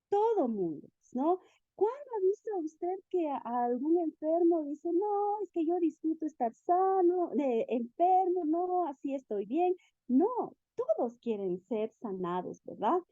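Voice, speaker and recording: A woman preaching a sermon in an animated way, asking the listeners questions and acting out the quotes. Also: high-pitched, no echo. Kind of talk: sermon teaching. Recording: dull, lo-fi recording.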